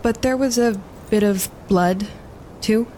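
In a naturalistic audio drama, an actress plays an earnest, composed wilderness photographer on expedition, sounding matter-of-fact, measured and concerned. Her female voice is natural with a dark tone, recorded with clear outdoor ambience and rumble.

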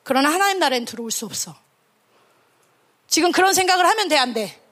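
A woman from Korea preaching to a youth camp in a notably high voice. She drives each point home with rhetorical questions and playful acted-out quotes. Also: animated, fast, a bit bright. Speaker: evangelist preaching to a children's camp. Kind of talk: sermon.

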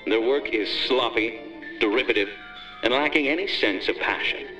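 A man narrating a true-crime documentary in a grave, measured way. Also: mid-range voice, natural voice. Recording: distant, under loud music.

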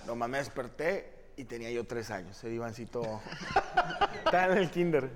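A man's voice: mid-range voice, normal speed. A man, co-hosting a comedy podcast in slangy, joking banter, laughing often. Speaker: podcast co-host. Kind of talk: joking casual chat. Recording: reverberant room with faint noise.

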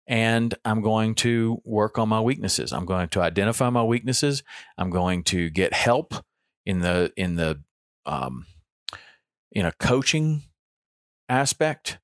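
Speaking in a lowish voice, a fifty-something man hosts a solo podcast in a loose, casual monologue full of ums and restarts. The studio sound is clean, with no room sound.

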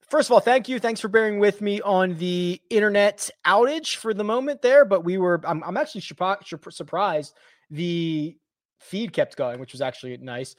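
A man's voice: fairly high pitch, no room sound, studio quality. A man hosting a live stream, chatting casually with loose fillers and restarts as he answers viewer questions.

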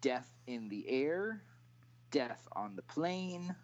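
Relaxed teasing quizmaster, slow delivery, dull lo-fi recording. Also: mid-range voice. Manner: relaxed, teasing, repeats "alrighty". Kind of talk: casual trivia chat.

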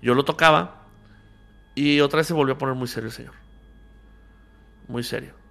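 Speaking at a normal pace with fairly even intonation, this podcast guest has a mid-range, gravelly voice that's a bit bright and a Mexican Spanish accent. He's chatting casually, recounting a story and voicing both people in the conversation he recalls.

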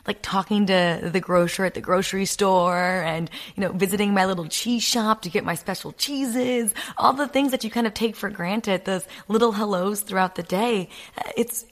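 A woman's voice: mid-range voice, normal speed. A young adult woman, a foreign correspondent, chatting casually on a podcast, telling everyday stories and laughing often. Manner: warm, anecdotal, laughs often. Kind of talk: casual remote podcast chat.

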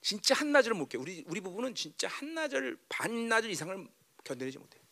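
A pastor preaching a sermon, swinging from quiet, chatty asides to loud, tearful preaching, and often asking his listeners whether they agree. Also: high voice, big pitch swings, fast, gravelly. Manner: keeps asking the listeners "right?". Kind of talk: sermon with banter to the congregation.

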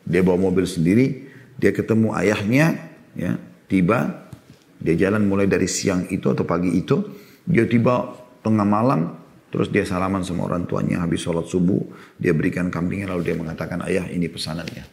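A man's voice: sits low, moderate pace, creaky, a little mellow. A middle-aged man preaching a sermon, earnest and explanatory, with emphatic bursts and quoted Arabic phrases. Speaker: Islamic preacher.

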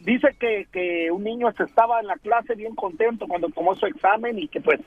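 A man's voice: sits high, moderate pace, dry recording, faint music behind. A man calling in to a radio show and telling a joke. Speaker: caller. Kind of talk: telling a joke on a call-in line. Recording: slightly muffled call line.

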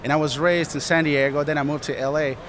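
A man's voice: on the high side, steady tone, fast, fairly bright tone, slight background noise. A man from Colombia answering interview questions earnestly, rambling with many "you know"s. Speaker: studio manager, guest.

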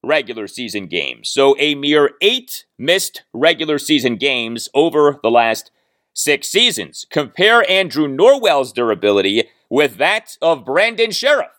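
A man's voice: on the high side, big pitch swings, measured pace, a bit bright, no room sound, studio quality. A man hosting a solo sports podcast, giving emphatic analysis and repeating his key points. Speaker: podcast host.

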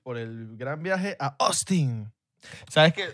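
A man's voice: mid-range voice, expressive, takes it slowly, fairly bright tone, a little hiss or hum. A young man with a Venezuelan accent, co-hosting a podcast, joking and bragging in heavy slang. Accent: Venezuelan Spanish. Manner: jokey, boastful, slangy. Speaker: podcast co-host. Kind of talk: casual banter.

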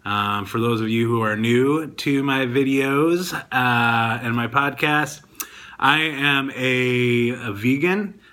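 A man's voice: mid-range voice, takes it slowly, pushed and bright. A man hosting his own video podcast, talking casually and rambling a bit with frequent ums. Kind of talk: casual diet vlog talk.

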